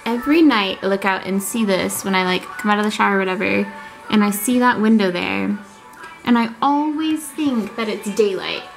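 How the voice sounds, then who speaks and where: 20s girl vlogging at home, rambly, creaky voice, roomy echo, bit of noise. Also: medium pitch, normal speed, soft background music. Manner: rambling, easily distracted. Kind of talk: casual rambling vlog chat to camera. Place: small indoor apartment room. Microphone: camera at arm's length. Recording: echoey small room with faint noise.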